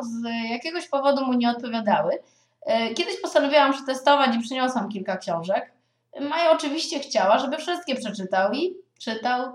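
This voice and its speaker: Thoughtful woman in an echoey room. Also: a little high. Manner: thoughtful, hesitant, with frequent drawn-out filler sounds. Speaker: parent reviewing children's books. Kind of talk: spoken book review.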